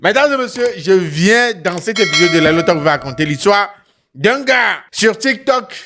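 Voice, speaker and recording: An online talk show host with a high-pitched male voice and a West African French accent talks at normal speed. He tells stories with animation directly to viewers, driving points home by repeating phrases and adding small questioning tags.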